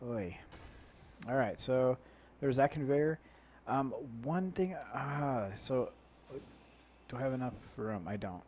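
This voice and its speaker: A man's voice: mid-range voice, a little slow, pauses often, a little mellow. A man with a nasal, congested-sounding voice gives casual, rambling let's play commentary, muttering to himself as he goes. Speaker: gaming video host. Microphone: low-quality microphone. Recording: poor mic with chopping helicopter-like noise. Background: helicopter-like equipment noise.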